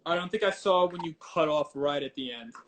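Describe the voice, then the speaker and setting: A man with a fairly high voice talks casually and loosely as an interview guest, often doubling back on his phrases. He is using his headphones as a microphone, with faint noise in the sound. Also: fairly quick, a bit bright. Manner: informal, hesitant, repeats words and phrases. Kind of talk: casual chat. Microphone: headphones used as a mic. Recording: noisy headphone mic on online call.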